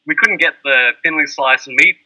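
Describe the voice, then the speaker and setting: A man's voice: fairly high pitch, moderate pace, bright, forceful tone, lo-fi sound. An Australian man chatting casually, rambling through lists with plenty of fillers. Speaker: skateboarding teacher in Japan. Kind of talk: casual chat.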